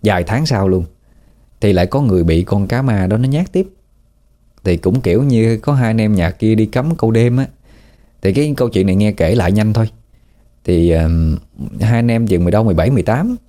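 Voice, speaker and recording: A man with a Southern Vietnamese accent narrating a ghost story in a relaxed, folksy way with fillers. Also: fairly low pitch, fairly quick.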